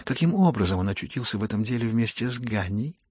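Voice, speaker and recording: A man reading a classic novel aloud as an audiobook narrator, in measured storytelling. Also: lowish voice, lively intonation, a little mellow, breathy edge, no room sound.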